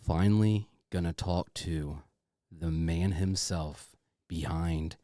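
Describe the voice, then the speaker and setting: A man with a fairly low voice co-hosts a podcast in loose, casual chat. He is effusive and repeats phrases for emphasis, and the sound is close and dry. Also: takes it slowly, warm tone, no echo. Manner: effusive, repetitive, informal with swearing. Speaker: podcast co-host.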